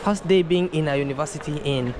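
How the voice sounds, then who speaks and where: A man's voice: on the high side, quick pace. A man with a Kenyan accent chatting casually for a vlog, exclaiming and easily impressed. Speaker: vlogger visiting a university. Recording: very noisy outdoors, wind and engine.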